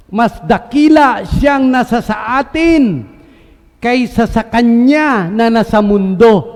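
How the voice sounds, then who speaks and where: A man's voice: high-pitched, darkish tone. A man preaching a sermon, asking his congregation questions and answering them himself, moving between Tagalog and English and acting out quoted voices. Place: church hall. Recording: reverberant hall.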